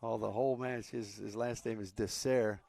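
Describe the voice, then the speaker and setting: A man doing live play-by-play commentary on a youth soccer match, relaxed and chatty with frequent fillers. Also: fairly low pitch, normal speed.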